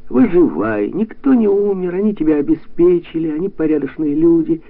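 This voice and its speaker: A male reader voicing a jovial, blunt heavyset man who lectures a young woman in a bantering, preachy way, with sudden jumps up in pitch. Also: lively intonation, moderate pace. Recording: tinny lo-fi radio sound.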